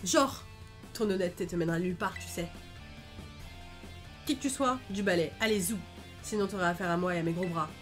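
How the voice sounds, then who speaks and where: A woman's voice: fairly low pitch, fairly quick, pauses often, soft background music, close to an everyday voice. A woman voicing a cocky young female gang grunt in a game, with a bratty, mocking put-on accent. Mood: taunting.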